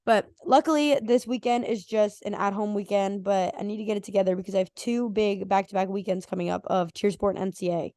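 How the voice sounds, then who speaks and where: A young woman in her twenties with a hoarse, worn-out voice, co-hosting a casual podcast chat and rambling with lots of fillers. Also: mid-range voice, fairly even intonation, fairly quick, few pauses, mellow, dry recording, clean studio sound. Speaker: podcast co-host.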